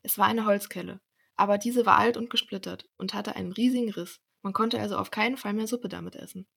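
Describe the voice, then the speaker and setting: Gravelly, husky young woman reading a story. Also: mid-range voice, brisk. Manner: steady narration with occasional small slips. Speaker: student storyteller.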